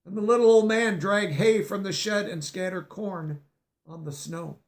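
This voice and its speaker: A man whose voice is notably high reads aloud from a children's picture book, giving it gentle expression and stopping to explain the odd word for young listeners.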